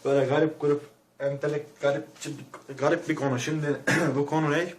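A man's voice: on the high side, flat delivery, a little fast, background noise. A man giving a rambling, crude, mock-serious comic rant, short of breath and muffled by a mask. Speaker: vlogger.

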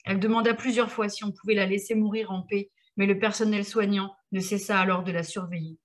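A woman reading a passage from her own novel aloud in a steady, measured way. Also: mid-range voice.

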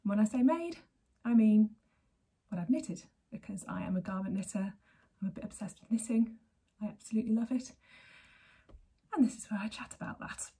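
In a sunny living room at home, a Berkshire woman in her thirties rambles and laughs through her knitting podcast, talking casually to a camera at desk distance. She speaks briskly at medium pitch, with a creaky, dark voice and a breathy edge.

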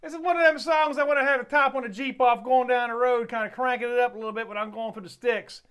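A man's voice: very high-pitched, steady tone, fast talker, fairly bright tone, clear, resonant tone. A man hosting a music reaction video, talking in a folksy, rambling, easygoing way. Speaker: music reaction channel host. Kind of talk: casual reaction commentary.

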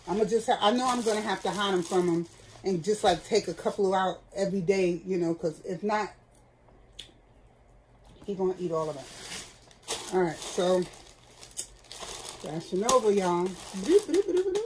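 A woman's voice: mid-range voice, steady tone, moderate pace, long pauses. Casting: middle-aged woman, candid home vlog chat, faint background hiss. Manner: chatty and candid, talks straight to viewers. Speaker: vlogger. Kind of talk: casual chat. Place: at home, seated indoors.

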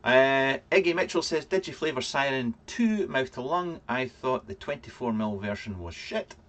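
A man's voice: medium pitch, animated, a bit bright. Scottish man from Fife, chatting casually. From Fife, Scotland. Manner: rambling, halting, dryly joking. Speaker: livestream vlog host. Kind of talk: casual chat, reading out and answering live chat comments. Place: small cluttered home room, indoors.

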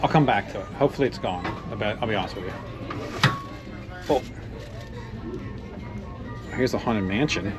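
A podcast host with a lowish voice strolls through an indoor outlet store, chatting casually and reading prices aloud as he browses. He talks at a normal speed but pauses often, with loud store music playing behind him.

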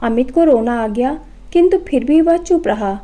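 A woman narrating a moral story in a calm, earnest storytelling manner. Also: high-pitched, unhurried.

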